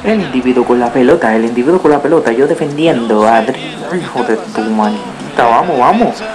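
A man's voice: medium pitch, fairly quick, crowd noise, poor audio. A man commentating his own football video game match, groaning, cursing and cheering at the play and slipping into English. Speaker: gaming YouTuber. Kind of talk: gameplay commentary.

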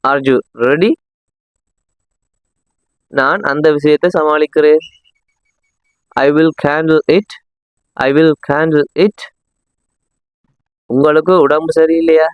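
Slow, clear-voiced Tamil-accented man teaching. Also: a little high, little pitch movement, no echo. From South India. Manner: says each sentence slowly twice for learners to repeat. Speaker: English teacher. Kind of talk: slow, deliberate English lesson with repetition. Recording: dull lo-fi sound.

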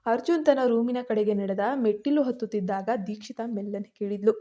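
A woman storyteller narrating a story in a steady, even reading. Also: medium pitch, a little fast.

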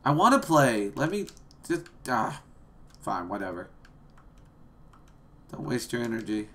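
A man's voice: medium pitch, very animated, measured pace, pushed and bright. A man in his thirties chatting casually and playfully as he streams a game, rambling along in a small room. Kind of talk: casual livestream chat while playing a game. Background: video game music.

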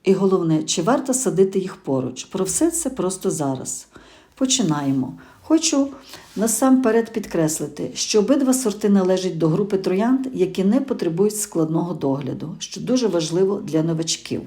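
Speaking at a moderate pace, a middle-aged woman from Ukraine reviews a garden in a casual, animated way for her gardening channel. Her voice is lowish and warm, and she pauses to hesitate and correct herself along the way.

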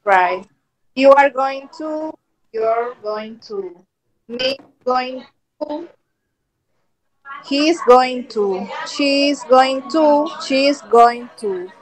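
A woman's voice: high-pitched, drawn-out words, long pauses, slight background noise, poor audio. A woman student in an online class reading English drill phrases aloud, hesitantly and carefully.

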